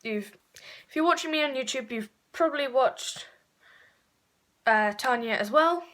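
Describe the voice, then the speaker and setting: A woman's voice: sits high, expressive, measured pace, fairly bright tone. A woman chatting her way through a makeup tutorial, rambling and correcting herself as she goes. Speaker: beauty vlogger.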